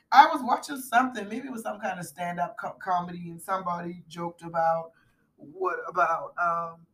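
A woman's voice: on the low side, steady tone, moderate pace, fairly bright tone. A middle-aged woman co-hosting a podcast in casual chat, rambling with fillers and restarts. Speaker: podcast co-host.

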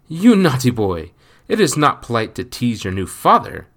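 A man's voice: medium pitch, big pitch swings, moderate pace, voice pushed up, close to an everyday voice. A man voicing a cheerful, affectionate French mother with a playful manner.

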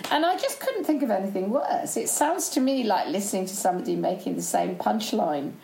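Woman, casual podcast chat, rambling, gravelly low voice, roomy echo. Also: lively intonation, brisk, dark tone, slight background noise. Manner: rambling and chatty, laughing often. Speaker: podcast co-host.

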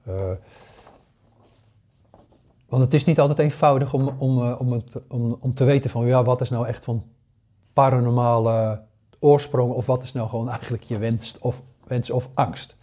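A man's voice: mid-range voice, fairly even intonation, moderate pace, long pauses, warm tone. A man, teaching a casual spoken lesson, hesitating often with fillers and restarts. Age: 60s. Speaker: paranormal course teacher.

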